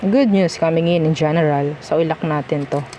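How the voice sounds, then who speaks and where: A woman's voice: low-pitched, normal speed, warm tone, slight background noise. A woman with a Filipino accent giving a casual tarot reading, chatty and reassuring, often checking in with "okay?". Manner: chatty, reassuring, mixes Tagalog and English, frequent "okay?". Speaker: tarot reader.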